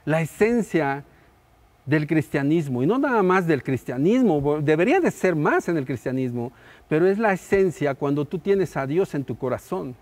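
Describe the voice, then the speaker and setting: A middle-aged man, preaching a sermon as pastor, building emphasis through repeated phrases and then dropping soft at the ends. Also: on the high side.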